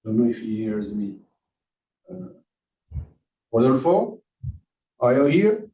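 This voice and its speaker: A man hosting and lecturing an online class, friendly and halting with many restarts, on a video call. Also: medium pitch, sing-song, dark tone. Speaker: course lecturer and host. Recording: distant, roomy, dull video call audio.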